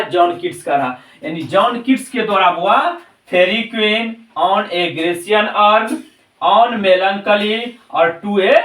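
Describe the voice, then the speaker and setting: High-voiced guy teaching a class, repeats every question, echoey room, mic kinda far off. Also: pushed and bright. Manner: drills answers by repeating questions; spells out English titles slowly. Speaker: English teacher. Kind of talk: classroom lecture.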